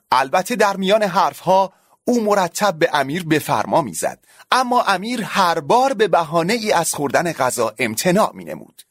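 A man narrating a story in an expressive, dramatic audiobook style. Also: on the high side, no echo, studio quality.

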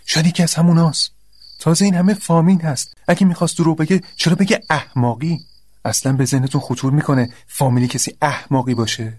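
Man playing a calm, steady student leader. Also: fairly high pitch, dry recording, natural voice. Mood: urging. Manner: steady, commanding. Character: calm level-headed young male student leader.

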